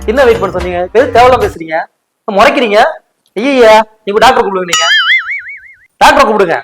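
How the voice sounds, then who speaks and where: A man's voice: high-pitched, expressive, fast talker, over music. A man, pulling a hidden-camera prank as a fussy salon customer who nags and picks arguments. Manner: loud, nagging, picks arguments.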